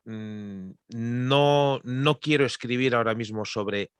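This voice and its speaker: A man hosting an interview who asks his questions haltingly, repeating words. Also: mid-range voice, clear, resonant tone, no echo, clean studio sound. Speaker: host.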